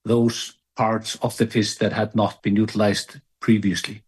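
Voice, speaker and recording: A man's voice: lowish voice, flat delivery, measured pace, breathy edge. A man from Iceland speaking in an interview clip, recounting events in a storytelling way with some restarts. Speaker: interviewee, founder.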